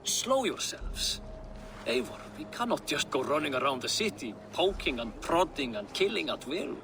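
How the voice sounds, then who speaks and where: An actor playing a cautious, burdened old Norse warrior in a dramatic video game. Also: male voice, on the high side, sing-song, moderate pace, noisy background. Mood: wary, troubled.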